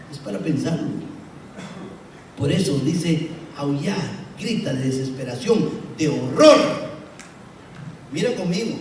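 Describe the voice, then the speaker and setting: A male pastor preaching a sermon dramatically, with rhetorical questions, swinging between loud and soft. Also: fairly high pitch, slight background noise. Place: church sanctuary. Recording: echoey church room from far off.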